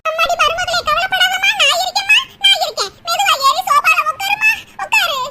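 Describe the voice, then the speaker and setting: A woman's voice: very high voice, fairly quick, bright, forceful tone, recorded from a distance, full character voice. A woman voicing a fussy, fretting mother-in-law, wailing and scolding in turn. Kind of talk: cartoon comedy voice acting.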